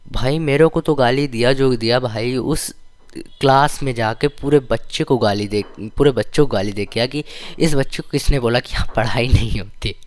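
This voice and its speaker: A man's voice: medium pitch, moderate pace. Young man telling school stories animatedly. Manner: animated, slangy, complaining storytelling. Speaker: vlogger. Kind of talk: casual storytelling about school days.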